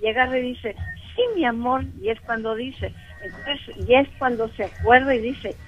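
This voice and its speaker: A woman's voice: fairly high pitch, steady tone, normal speed, breathy edge, lo-fi sound, soft background music. A woman calling in to a radio show, telling her story emphatically and acting out the quotes. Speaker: caller.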